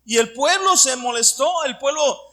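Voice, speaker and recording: High bright-voiced Mexican pastor preaching. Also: male voice, animated, moderate pace. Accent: Puerto Vallarta Mexican Spanish. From Puerto Vallarta, Mexico. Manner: preaching with questions to the congregation. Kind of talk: sermon.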